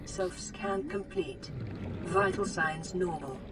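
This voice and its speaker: A woman voicing a calm, gentle onboard computer assistant with a soft, even, synthetic-sounding voice. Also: on the low side, slow, distant mic. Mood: calm, reassuring. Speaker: in-game AI assistant. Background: game music.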